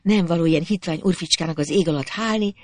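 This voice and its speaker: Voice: mid-range voice, dry recording, natural voice. A reader voicing a cheeky, offhand peasant boy who speaks in a cocky, knowing way.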